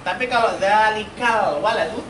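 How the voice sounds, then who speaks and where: High-voiced man teaching Arabic. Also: normal speed, a bit bright. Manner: quizzing students, call and response. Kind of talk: classroom lesson. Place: mosque study room. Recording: roomy hall, noisy room recording.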